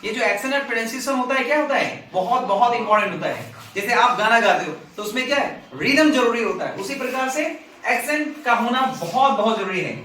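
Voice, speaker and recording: A man's voice: extremely high pitch, expressive, fairly quick, sharp tone. A male grammar teacher, lecturing a class and quizzing students with repeated questions. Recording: very echoey classroom, distant mic, noisy.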